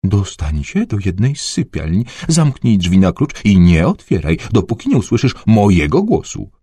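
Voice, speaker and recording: A man voicing a determined father who gives urgent, hushed orders in an audiobook. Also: very animated, normal speed, breathy edge, dry recording. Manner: low hushed commanding tone.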